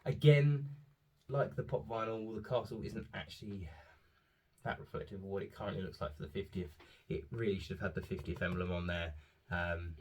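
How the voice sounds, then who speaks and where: A man's voice: low-pitched, a little hiss or hum. A man and father, chatting casually at home as he shows off holiday purchases, with lots of ums as he goes. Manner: chatty, rambling, frequent ums. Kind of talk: casual haul vlog.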